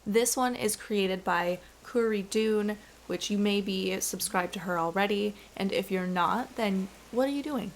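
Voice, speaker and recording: A young Canadian woman chatting casually over a video game. She sounds bubbly and talkative, with a middle-pitched voice and a self-deprecating streak. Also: a little slow, few pauses. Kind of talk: casual chat over gameplay.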